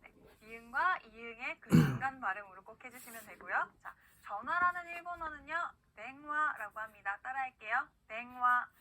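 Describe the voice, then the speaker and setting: Bright high-voiced woman teaching pronunciation. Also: lively intonation, low-quality recording. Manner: patient, repeats words slowly for the learner to copy. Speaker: language teacher. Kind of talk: scripted online pronunciation lesson.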